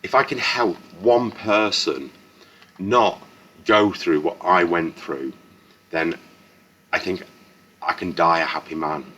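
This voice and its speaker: Man, fifties, very deep voice, frank halting vlogger. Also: pushed and bright. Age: 50s. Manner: frank, earnest, halting with restarts and swearing. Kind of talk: candid personal story to camera.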